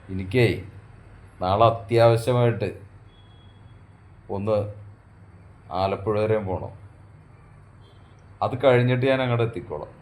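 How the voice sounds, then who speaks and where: In this domestic skit, a man with a lowish voice plays a husband who coaxes his wife and scolds her gently and affectionately.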